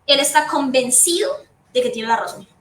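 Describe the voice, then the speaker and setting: Earnest high-voiced woman psychiatrist. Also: expressive, normal speed, a bit bright. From Colombia. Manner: earnest, explanatory, repeats key points. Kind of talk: educational talk to patients' families. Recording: echoey room with faint background noise.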